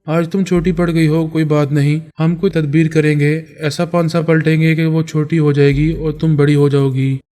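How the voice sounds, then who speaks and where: A loyal young man calmly reassures his partner, as a male narrator voices him. The voice is mellow, smooth and a little high. He speaks in a soothing, steady manner in an audio storybook. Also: hardly any pauses, soft background music, lightly acted. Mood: reassuring.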